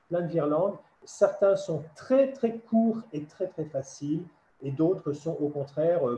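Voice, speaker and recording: A man with a fairly high but mellow voice explains classroom exercises to fellow teachers in a patient, step-by-step manner, often pausing to check that he is understood. The sound is roomy and a little dull, with faint noise underneath. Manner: explanatory, many "d'accord?" checks. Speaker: French teacher trainer. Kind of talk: online workshop lecture. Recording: echoey dull webinar audio.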